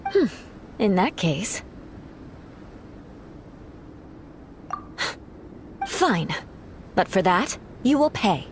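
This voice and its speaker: A woman voicing a proud, reserved noblewoman knight in a video game, formal and measured in manner. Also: medium pitch, big pitch swings, a little hiss or hum. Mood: haughty, wry.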